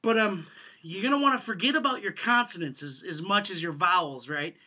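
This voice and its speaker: A man talking through a mock tutorial in an offhand, deadpan way, full of fillers and pauses. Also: high voice. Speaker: home video presenter.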